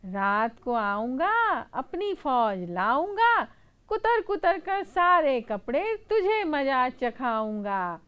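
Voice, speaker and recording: Lady putting on a cheeky little boy mouse, proud and bossy, high and loud, storybook style, lots of up and down. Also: very animated, slow pace, full character voice. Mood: threatening. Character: small boastful male mouse, proud and cheeky.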